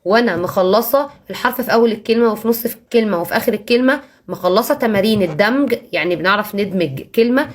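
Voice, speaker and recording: A woman teacher with an Egyptian Arabic accent explains to parents how she teaches young children. Her medium-pitched voice has lively intonation, and she's emphatic, repeating key words and slowing down on examples.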